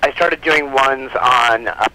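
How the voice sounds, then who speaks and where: A comic book publisher joins an interview as a guest over a noisy phone call, speaking slowly in a medium-pitched voice. He chats casually and rambles, leaning heavily on fillers like "like" and "you know."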